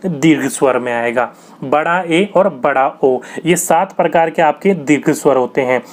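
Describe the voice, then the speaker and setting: A man's voice: a little high, measured pace. A young man teaching a grammar lesson for exam prep, asking questions and answering them himself in a patient, repetitive way.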